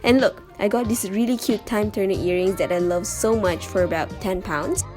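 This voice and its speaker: A woman's voice: medium pitch, moderate pace. A young woman, giving a chatty, playful voice-over narration for her travel vlog. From Malaysia. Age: 20s. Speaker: vlogger. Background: music.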